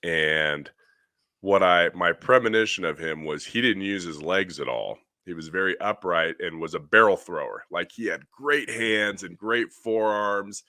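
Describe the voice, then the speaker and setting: Middle-aged guy, low voice but bright and punchy, dry close mic, rambling podcast baseball talk. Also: measured pace, no room sound. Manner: animated, rambling baseball breakdown. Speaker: podcast co-host, hitting coach. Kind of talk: casual podcast chat.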